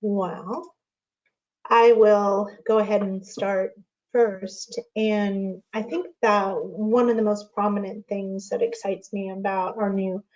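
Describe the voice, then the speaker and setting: A woman's voice: mid-range voice, darkish tone, lo-fi sound. A woman consultant speaking earnestly in a panel discussion, sometimes restarting her sentences. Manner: earnest, searching for words with restarts.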